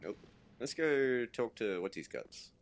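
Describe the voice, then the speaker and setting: A man's voice: medium pitch, very animated, a little slow. A man hosting a let's play, rambling and swearing casually as he plays. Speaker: let's play host playing the game. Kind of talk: casual gameplay chat.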